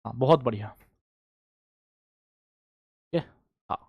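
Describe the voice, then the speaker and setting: A man's voice: mid-range voice, drawn-out words, gravelly, husky, dry recording, dull audio. Man teaching a drilling quiz class. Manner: repetitive question-and-answer drilling, addresses students as bhaiya and beta. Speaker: exam coaching teacher. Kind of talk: online current affairs class.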